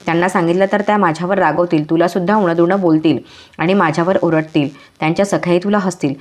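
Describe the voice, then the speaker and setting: A woman's voice: on the low side, fairly even intonation, fast talker, close to an everyday voice. A woman voicing a timid, cautious young palace maid in a storybook reading.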